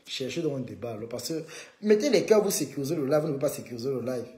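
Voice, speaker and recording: A man's voice: mid-range voice, lively intonation, rapid-fire, dark tone, echoey room. A man hosting a live stream, needling a rival and calling on his viewers in a combative way.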